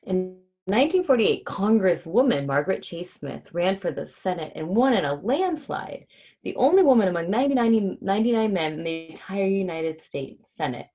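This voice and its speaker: Soft background music plays as a woman with a mellow, mid-range, sing-song voice reads at normal speed. She's hosting a children's book read-aloud on a livestream, speaking casually and explaining tricky words simply for kids.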